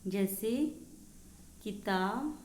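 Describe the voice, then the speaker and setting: A woman teacher takes a young class through a lesson at a slow, careful pace. She spells words out piece by piece and repeats every answer. The room is echoey, with a faint hiss of noise underneath. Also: medium pitch, animated. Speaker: school teacher. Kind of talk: recorded Hindi class lesson for young children.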